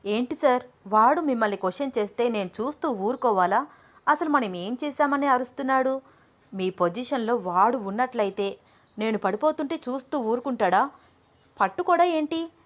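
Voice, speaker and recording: Woman reading as feisty young woman, audio story, bright and pushy, quick retorts, a touch higher. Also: lively intonation, lightly acted. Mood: indignant. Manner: teasing, then sharp and scolding. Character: young woman Ananya, bold and quick-tongued.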